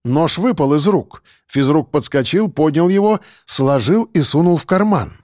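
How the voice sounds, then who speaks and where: A man narrating a story in a steady, measured storytelling manner. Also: on the high side, dry recording, studio quality. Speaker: audiobook narrator. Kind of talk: scripted narration.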